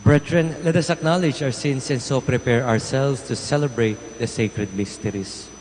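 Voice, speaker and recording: Male priest, solemn and measured liturgical delivery, cathedral echo from a big church, faint background hiss. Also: mid-range voice, darkish tone. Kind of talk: leading Mass prayers. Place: large basilica church. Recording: long church reverb, faint background noise.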